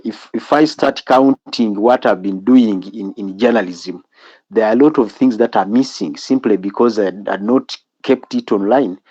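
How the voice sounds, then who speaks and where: A man with a Ugandan English accent, a student in an online class, speaking haltingly with many restarts. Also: mid-range voice, dark tone, no echo, dull audio. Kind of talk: class discussion. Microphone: video call.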